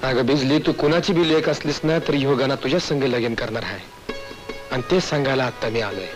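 An actor playing a gentle earnest young lover. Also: male voice, medium pitch, brisk, faint music behind, lightly acted. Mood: tender. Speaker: film character. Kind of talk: 1980s film acting.

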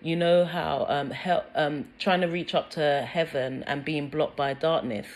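Earnest British commentator, mid-pitched. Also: steady tone, a little slow, low-quality recording. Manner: earnest, insistent, frequent ums and repeated words. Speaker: video commentator. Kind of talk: conspiracy commentary over a music video.

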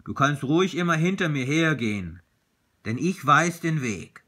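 A man voicing a calm, capable young male bear in a read-aloud children's story, with a gentle, reassuring manner. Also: on the high side, normal speed, breathy edge, exaggerated voice.

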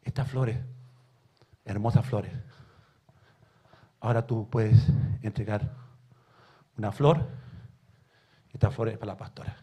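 A man preaching a sermon in a church, telling stories with emotion and swinging from soft to loud. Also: lowish voice, fairly even intonation, slow pace, pauses often, slightly rough. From Chile.

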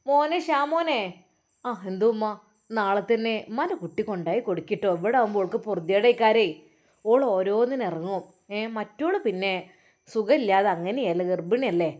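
A woman voicing a gentle, fussing older mother in a storytelling piece. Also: medium pitch, lively intonation, normal speed, close to an everyday voice. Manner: tender, coaxing, fussing. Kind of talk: storytelling with acted voices.

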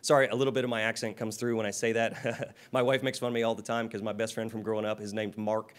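A man's voice: fairly low pitch, little pitch movement, fast. A man presenting a workshop to a live audience, chatty and informal, often checking in with the room and laughing.

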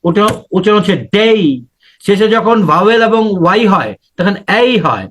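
A man with a Bangladeshi accent teaching an English listening class, drilling words by saying them slowly again and again. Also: high-pitched, sing-song, a bit bright. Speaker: IELTS teacher. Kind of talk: classroom lesson.

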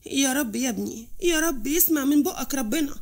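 A woman's voice: sits high, expressive, a little fast. A woman playing a fretful mother. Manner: fretful, complaining. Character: anxious Upper Egyptian mother, middle-aged.

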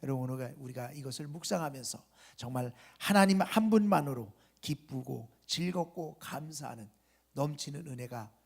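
A male pastor preaching at an early morning church service, asking the congregation rhetorical questions and dropping from loud emphasis to a soft whisper at the ends of phrases. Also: medium pitch, expressive, moderate pace, gravelly, slightly rough. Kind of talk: sermon.

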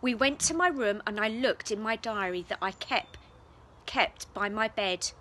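A woman reading a children's story aloud in a gentle, expressive way. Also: medium pitch, unhurried, a little hiss or hum, poor audio.

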